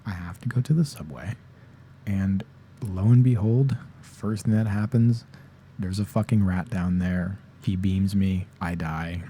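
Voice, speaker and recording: A young man rambling softly in a casual ASMR chat, sleepy and tired-voiced, often dropping into whispers. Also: sits low, measured pace, slight background noise. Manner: rambling, slips into whispers, self-deprecating. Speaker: ASMR creator. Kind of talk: soft-spoken ASMR ramble.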